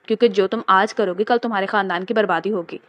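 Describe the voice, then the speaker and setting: A woman's voice: mid-range voice, steady tone, fairly bright tone, no echo, lo-fi sound, close to an everyday voice. A woman voicing a cruel, vengeful man of about thirty who speaks with cold contempt. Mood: menacing.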